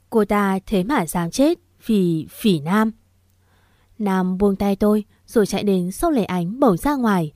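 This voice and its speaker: A woman narrates a first-person story with steady, emotive delivery. Her voice is mellow and warm, and the recording is dry and close. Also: mid-range voice, no room sound. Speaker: audiobook narrator.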